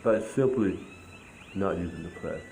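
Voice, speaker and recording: Rambling man, low dark voice, echoey. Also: vocal fry, soft background music. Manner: rambling, halting, many fillers and restarts. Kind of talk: casual spoken monologue.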